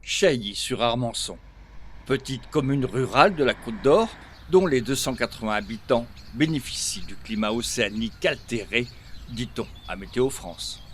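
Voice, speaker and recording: A man reads a local news report in an even, measured manner. His voice sits at a middle pitch, and faint background noise runs under it. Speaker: voice-over reporter. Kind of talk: scripted news narration.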